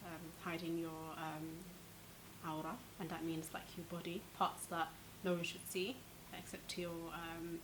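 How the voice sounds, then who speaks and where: A woman's voice: fairly low pitch, level tone, a little slow, background noise. A woman from Somalia speaking earnestly in a documentary interview.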